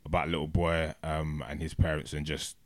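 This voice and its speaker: A man's voice: extremely low pitch, monotone, fairly quick, no room sound. A man with a London accent chatting casually as a podcast host. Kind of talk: casual chat.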